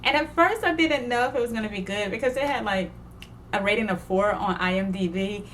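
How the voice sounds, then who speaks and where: A young woman chatting casually about her sewing projects, digressive and quick to laugh. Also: mid-range voice, a bit bright, a little hiss or hum. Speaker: sewing vlogger. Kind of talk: casual chat.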